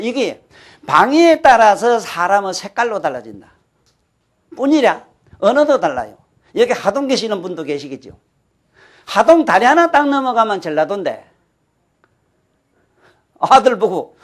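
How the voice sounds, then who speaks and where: Older man with a high voice and a Gyeongsang accent, a folksy lecturer who keeps asking the room questions. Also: sing-song, moderate pace, pauses often. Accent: Gyeongsang Korean. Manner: folksy, keeps checking with listeners, asks rhetorical questions. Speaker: folk-culture lecturer. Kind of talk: lecture to an audience.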